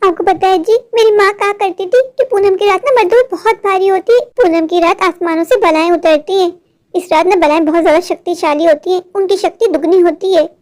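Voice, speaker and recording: A woman's voice: very high voice, fairly quick. Woman voicing a fussing, worried cartoon wife. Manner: fussing, questioning, gently scolding. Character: caring, chatty young wife, worried.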